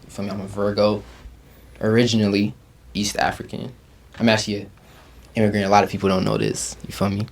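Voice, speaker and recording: A twentysomething rapper from Uganda talks briskly with a fairly low pitch and some vocal fry. Guesting in a casual interview, he's relaxed, heavy on slang, and often says "you feel me."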